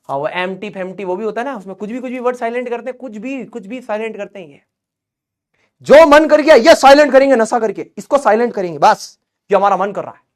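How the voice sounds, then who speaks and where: Joking, animated male chemistry teacher. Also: sits high, fast. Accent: Hindi. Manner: animated, joking, mocking spellings. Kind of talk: casual Hindi lecture with jokes.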